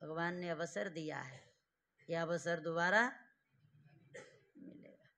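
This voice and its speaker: A man teaching a grammar class to students in a classroom, slowly drilling them with repeated questions and giving stern, fatherly advice. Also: on the high side, gravelly, sharp tone. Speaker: Sanskrit teacher.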